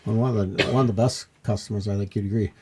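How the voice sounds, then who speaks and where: A man's voice: lowish voice, fairly even intonation, fast talker, dark tone, breathy edge. A man co-hosting a podcast, chiming in easily during a casual chat.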